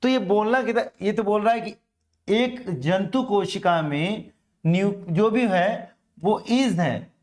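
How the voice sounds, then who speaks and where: A middle-aged man with an Indian accent gives a grammar lesson in a fairly high voice. He takes each point step by step, and he often asks a question and then answers it himself. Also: slow pace, darkish tone. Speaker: teacher. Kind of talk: classroom grammar lecture.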